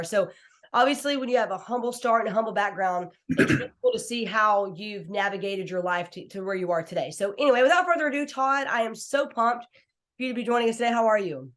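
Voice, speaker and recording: An enthusiastic American woman in her thirties, from a small town in Washington, hosts a podcast in a mid-range voice. Her interview hosting is chill and conversational, informal and peppered with "y'all" and "like."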